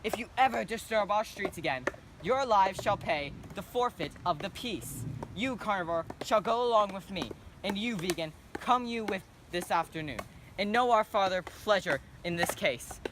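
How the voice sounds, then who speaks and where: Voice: mid-range voice, animated, normal speed, close to an everyday voice. An amateur performer playing a stern, angry prince who orders brawlers about in a Shakespeare parody. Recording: clearly noisy amateur recording with clicks.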